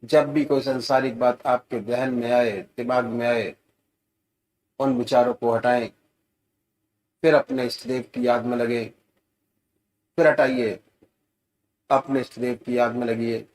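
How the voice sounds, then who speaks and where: Slow, gentle spiritual teacher. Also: male voice, mid-range voice, flat delivery. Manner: slow, gentle, soothing guidance with rising emphasis. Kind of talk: guided meditation instruction.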